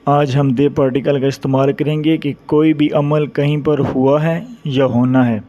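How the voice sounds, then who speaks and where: A man with a Pakistani Urdu accent, teaching a beginner grammar lesson and repeating each example phrase slowly. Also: on the high side, little pitch movement, dark tone, lo-fi sound. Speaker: Japanese teacher. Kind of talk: slow, deliberate grammar lesson.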